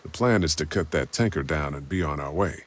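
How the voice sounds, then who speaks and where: An actor playing a steady, protective grown man in a video game, gently firm with a young girl in his care. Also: extremely low pitch, takes it slowly, full character voice. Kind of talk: dramatic game voice acting. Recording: faint game music behind.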